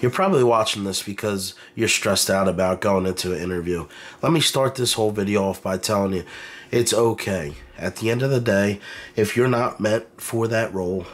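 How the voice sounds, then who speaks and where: A man with a lowish voice at normal speed offers casual, encouraging career advice directly to camera. A cold leaves him congested and nasal, and he says um and uh a lot.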